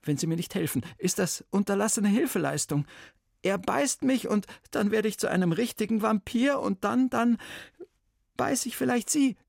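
A man's voice: high-pitched, animated, normal speed, gravelly, no echo, studio quality, voice pushed up, heavily acted. Man voicing a stammering young boy vampire. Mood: pleading. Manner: stammers and repeats words. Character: nervous stuttering boy vampire.

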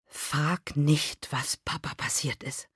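A woman's voice: sits low, steady tone, takes it slowly, husky, no room sound, studio quality, voice pushed down, heavily acted. A woman reading the lines of a stern, anxious elderly mother in a literary reading. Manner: stern, agitated.

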